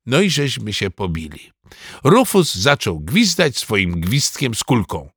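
Lively, bright-voiced man narrating a children's story. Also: fairly low pitch, a little slow, breathy edge, no room sound. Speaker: audiobook narrator.

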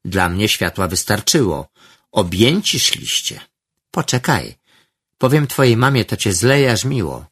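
A man voicing a touchy, boastful teenage boy in a read-aloud story, teasing and quick to take offense. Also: fairly low pitch, big pitch swings, a bit bright, slightly rough, no room sound, studio quality, heavily acted. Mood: mocking. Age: about 13.

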